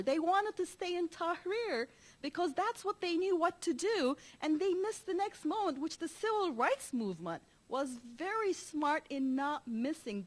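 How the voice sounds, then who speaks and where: A woman from Turkey giving a conference talk, telling stories in an animated way with frequent laughs and restarts. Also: high-pitched. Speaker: conference speaker.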